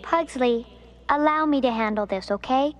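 A woman voicing Wednesday, a composed, clever young cartoon girl with a measured, slightly superior manner. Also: sits high, lo-fi sound, natural voice. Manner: measured, sensible and a bit superior.

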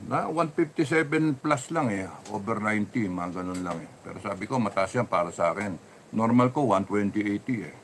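Rambling low-voiced man. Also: animated, a little hiss or hum. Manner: rambling, halting, many restarts. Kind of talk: casual personal storytelling.

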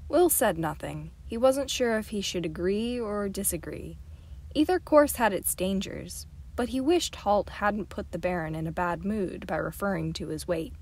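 A woman reading a novel aloud as an amateur audiobook narrator, in a steady, clear storytelling manner. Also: mid-range voice, moderate pace. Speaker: audiobook reader.

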